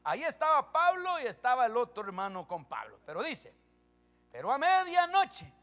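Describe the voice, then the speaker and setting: A man preaching a sermon as pastor, reading Bible verses calmly, then rising to loud, forceful preaching with quick questions to the congregation. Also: extremely high pitch, faint music behind.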